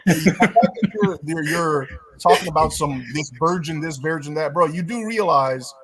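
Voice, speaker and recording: A man's voice: a little high, moderate pace, crowd noise, low-quality recording. A man on a live-stream panel, answering chat in an aggressive, profane way.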